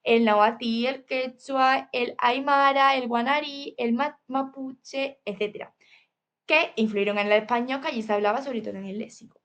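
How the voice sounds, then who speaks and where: A woman's voice: on the high side, fairly even intonation, moderate pace, fairly bright tone. A woman with a Spain Spanish accent gives a lecture from slides, reading steadily and adding "eh" and "¿vale?" asides. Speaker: teacher presenting a topic.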